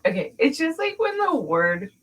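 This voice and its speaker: A woman's voice: high-pitched, big pitch swings, moderate pace, fairly bright tone, low-quality recording. A woman hosting a podcast, talking bluntly in a casual chat, swearing freely and laughing often. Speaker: podcast host.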